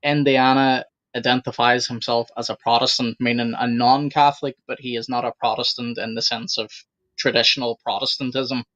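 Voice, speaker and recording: A man co-hosting a casual discussion, giving his honest opinion frankly and deliberately over a remote call. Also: mid-range voice, little pitch movement, a bit bright, dry recording. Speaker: podcast co-host. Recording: dry, dull lo-fi call audio.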